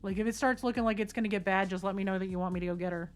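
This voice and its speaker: A woman's voice: medium pitch, fairly even intonation, racing, soft background music. A woman chatting casually to her live-stream viewers from a desk at home, talking straight to them. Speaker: livestreamer. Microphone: desk microphone.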